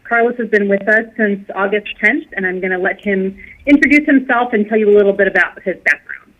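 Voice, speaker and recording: A woman heading a chamber of commerce gives a polished, courteous introduction. Her voice is bright and crisp. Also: medium pitch, fairly quick, highs cut off. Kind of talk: formal introduction.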